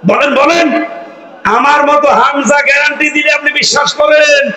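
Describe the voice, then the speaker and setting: A man from Bangladesh preaching an outdoor Islamic sermon, shouting as he explains Quranic verses over a loudspeaker microphone. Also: extremely high pitch, steady tone, normal speed. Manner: fiery, shouting Quranic exposition. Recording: echoey, reverberant PA sound.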